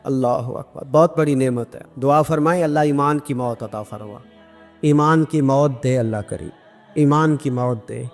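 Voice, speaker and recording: A man preaching an impassioned sermon, telling stories with fervent, climbing emotion and quick Arabic recitation. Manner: fervent storytelling, pitch climbing as emotion builds. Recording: long hall reverb with background music.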